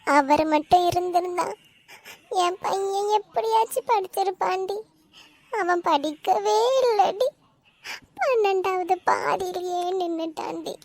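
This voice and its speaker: A woman's voice: extremely high pitch, steady tone, unhurried, dry recording. A woman voicing a grieving middle-aged mother in a cartoon, with a Tamil Nadu accent, talking in a tearful, sorrowful way. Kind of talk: cartoon voice acting.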